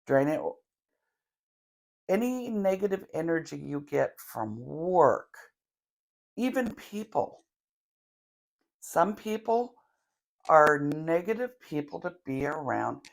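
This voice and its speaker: A middle-aged woman leading a grounding meditation in a slow, chatty way, with self-deprecating asides and the odd cough. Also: low-pitched, big pitch swings, gravelly. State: coughing now and then. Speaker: tarot reader leading a guided meditation.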